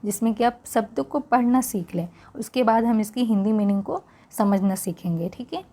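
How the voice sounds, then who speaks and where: A woman teaching an English reading lesson, reading each word slowly aloud and explaining how to pronounce it. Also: a little high, expressive, mellow. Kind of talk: slow classroom read-aloud lesson.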